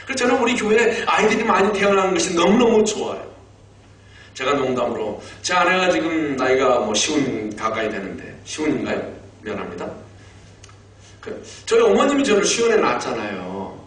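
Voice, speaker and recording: A man in his fifties preaching a Korean sermon as pastor, animated and humorous, having the congregation repeat lines after him. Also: a little high, a little fast. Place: church sanctuary. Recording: echoey church hall miked from a distance.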